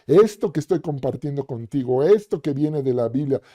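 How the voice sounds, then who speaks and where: A man's voice: mid-range voice, lively intonation, normal speed, mellow. A man preaching a sermon in a conversational way, often checking in with the listener. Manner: conversational, with fillers and repeated questions to the listener.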